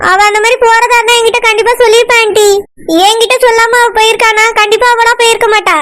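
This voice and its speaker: A woman's voice: very high-pitched, flat delivery, fast talker, fairly bright tone. A woman voicing a young woman, the bride's earnest, consoling friend, with a Kanyakumari Tamil accent in a cartoon. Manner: soothing, earnest. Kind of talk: cartoon voice acting.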